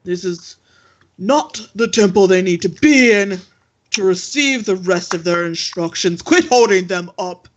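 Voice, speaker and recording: A woman voicing a stern, imposing man of a temple who talks slowly and scolds. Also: mid-range voice, animated, highs cut off. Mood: scolding.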